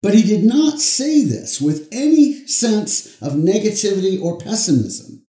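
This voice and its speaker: A man telling stories about his father in an expressive, personal way, with soft music behind him. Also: sits high, a little slow, roomy sound. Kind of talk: personal storytelling.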